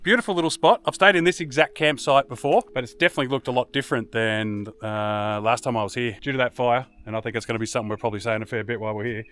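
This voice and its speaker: A man's voice: mid-range voice, rapid-fire, few pauses. A man chatting casually as he films a 4WD camping vlog outdoors at a bush campsite. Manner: upbeat, chatty, relaxed.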